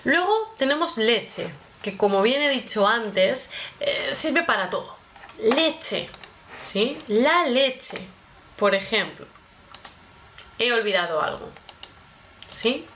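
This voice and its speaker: A woman teaching a lesson on expressions, slow and patient, often checking in with her students. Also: on the high side, big pitch swings, background noise. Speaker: Spanish teacher. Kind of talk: explaining expressions with examples. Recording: dull lo-fi audio.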